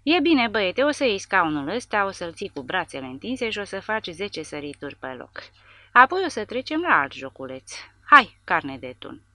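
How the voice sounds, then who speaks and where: A woman voicing a fat, cruel middle-aged male army captain who mocks and barks orders in a croaking voice, in an audiobook. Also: deep voice, lively intonation, a bit bright, no room sound. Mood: barking. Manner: croaking, mocking, barking orders.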